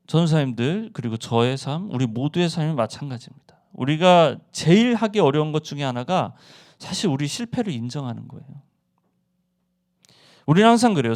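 Man preaching with rhetorical questions. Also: a little high. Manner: asks the congregation rhetorical questions, then answers them himself. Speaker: pastor. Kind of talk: sermon.

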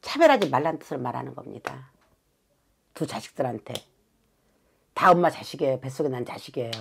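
A woman from Suncheon in South Jeolla, Korea, works as a fortune teller and gives a blunt, emphatic reading, swearing now and then and repeatedly asking "right?" to press for agreement. Her voice rumbles low, animated and a little fast, with vocal fry. There's slight background noise behind this fortune-telling consultation.

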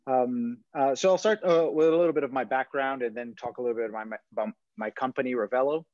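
Presenting on a video call from his home with a stone wall at his back, a startup founder from Brazil in his thirties speaks fast and hesitantly, full of fillers and restarts. His voice is medium-pitched and a little mellow, and the webcam audio is dull and lo-fi without echo.

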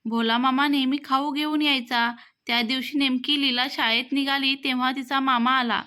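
A woman reading a children's textbook story aloud in an expressive, rhythmic way. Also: high-pitched, normal speed.

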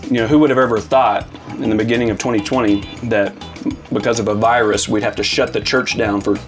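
A man's voice: lowish voice, fairly even intonation, fast, over music. A man who leads a church, chatting casually and reflecting earnestly in long, loose sentences, from Arizona. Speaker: lead pastor. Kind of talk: casual interview chat.

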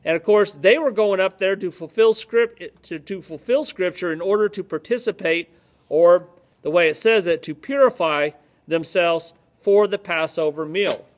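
A man with a high-pitched voice, a pastor, talks through the Bible at a moderate pace in an indoor, office-like room with ceiling lights. His style is casual and conversational, with joking asides, and he reads scripture aloud with increasing emphasis.

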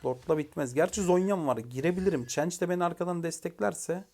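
A young man commentating his own mobile game match, excitedly shouting commands at teammates and venting frustration. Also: a little high, brisk. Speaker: gaming YouTuber. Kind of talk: live gameplay commentary.

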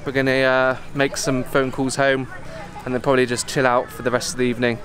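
A man's voice: medium pitch, a little fast. Chatty young man vlogging outdoors. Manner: chatty, relaxed, upbeat. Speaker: travel vlogger. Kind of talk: casual travel vlog. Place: outdoors in a park and jungle trail. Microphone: camera held at arm's length.

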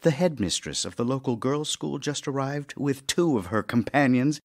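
An actor playing a witty, weary, affectionate middle-aged playwright in an audio drama of love letters, with a dry, teasing, melancholy and theatrical manner. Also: male voice, mid-range voice, expressive, normal speed, natural voice. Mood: harried, exasperated.

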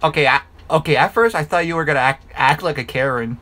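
A man chatting casually while gaming, excitable and swearing freely in banter with friends. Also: on the high side, fast talker. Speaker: gamer.

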